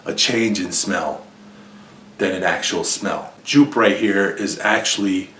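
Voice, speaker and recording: A man's voice: sits low, slow, a bit bright, reverberant, far from the mic. A man hosting a casual review vlog, talking in a conversational, opinionated way and repeating points for emphasis. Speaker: fragrance reviewer. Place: home in New Jersey.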